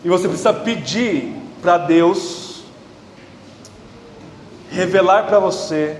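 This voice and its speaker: A man's voice: high voice, slow, a little hiss or hum. A Brazilian man in his thirties preaching a sermon as pastor, earnest and direct, rising to emphatic peaks. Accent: Brazilian Portuguese. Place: church hall. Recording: echoey hall with faint ambience.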